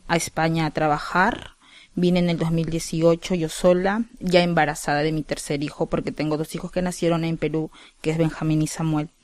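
A Peruvian woman recounts her story in an interview, pausing often and keeping her voice quite level. Her tone stays soft and steady. The recording is dry and close, with no room sound. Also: on the low side, dry recording. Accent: Peruvian Spanish. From Peru. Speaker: interviewee, widow of a fisherman. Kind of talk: emotional testimony.

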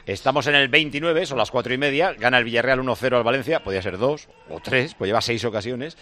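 Man, sports radio host, quick delivery, mid voice, joking asides. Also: mid-range voice, bright, forceful tone. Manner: rapid, chatty, laughing asides. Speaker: radio football show host. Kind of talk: live match radio talk.

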